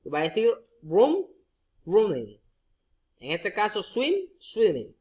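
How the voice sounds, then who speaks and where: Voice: mid-range voice, sing-song, takes it slowly, darkish tone. A Spanish-speaking teacher explaining English verb endings step by step, repeating every example word and often addressing the viewer directly. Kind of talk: explaining grammar rules to students.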